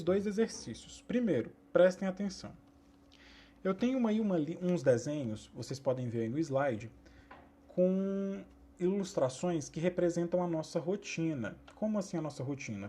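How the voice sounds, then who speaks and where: A man, teaching a recorded English lesson to sixth graders, repeating each rule slowly and asking students to pay attention. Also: fairly high pitch, warm tone, husky.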